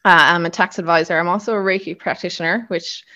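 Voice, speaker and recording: Young Irish woman, low voice, dull audio. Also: steady tone, fast, bright, forceful tone. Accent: Kerry, south-west Irish. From Kerry, Ireland. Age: late 20s. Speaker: podcast guest. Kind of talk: casual conversational interview.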